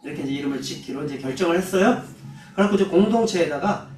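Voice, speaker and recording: A male missionary delivers a sermon in a fairly high voice, moving from earnest personal storytelling to solemn exhortation. The sound is roomy and echoing, caught from some distance off the mic. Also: animated, very fast, darkish tone, a little hiss or hum. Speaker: missionary preacher. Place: church hall.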